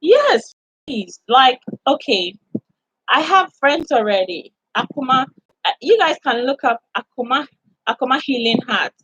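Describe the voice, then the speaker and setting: A woman's voice: high voice, animated, a little slow, fairly bright tone, husky, dry recording, lo-fi sound. A woman from Ghana with a Ghanaian accent hosts a casual live-stream chat, answering viewers in a chatty, inviting way and filling her talk with "like" and "you know.".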